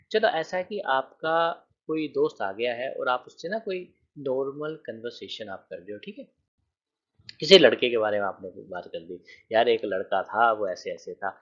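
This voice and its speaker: A teacher delivers a grammar lecture in a husky voice with lots of pitch movement, counting through examples and checking that the class is following. The recording is dull and lo-fi.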